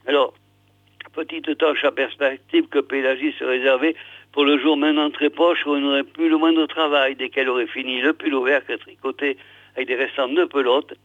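A man's voice: mid-range voice, no echo. Hesitant man reading a book aloud. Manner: hesitant, many fillers and restarts. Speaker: radio reader. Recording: dry, phone-like radio sound.

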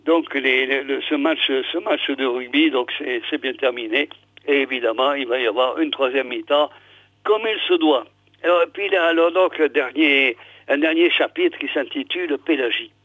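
A man reads a book aloud for radio, breaking off to explain the story in a halting, filler-heavy way. His voice sits at an ordinary middle pitch. The sound is thin and phone-like, with no room echo at all. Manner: hesitant, many fillers and restarts. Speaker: radio reader. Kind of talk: reading a book aloud with comments.

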